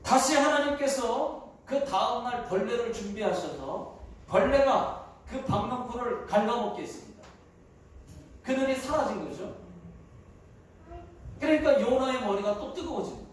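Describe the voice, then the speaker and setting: A man's voice: very high voice, animated, normal speed, pauses often. A male pastor delivering a sermon in a church, repeating words for emphasis. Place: church hall. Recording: echoey hall, far from mic.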